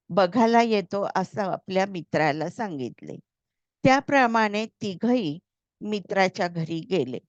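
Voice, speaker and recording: A woman narrating a story in a measured, read-aloud style. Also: medium pitch, no room sound. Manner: slow, measured reading. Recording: slightly dull, dry recording.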